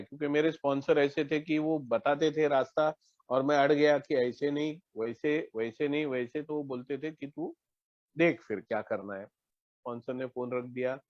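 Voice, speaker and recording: A man's voice: medium pitch, no echo, lo-fi sound. Indian man sharing his recovery story. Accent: Mumbai Hindi. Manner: conversational, acts out both sides of phone talks. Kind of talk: personal testimony in an online meeting. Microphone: online call mic.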